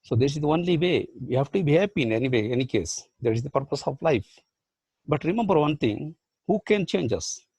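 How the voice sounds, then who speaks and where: A man with an Indian English accent, whose first language is Badugu, gives a motivational online lecture as a professor. His voice is gravelly and a little husky, recorded close and dry. He builds his points through rhetorical questions and repeated phrases. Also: on the high side, lively intonation, fairly quick, a little mellow, dry recording. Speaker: professor and life skills trainer.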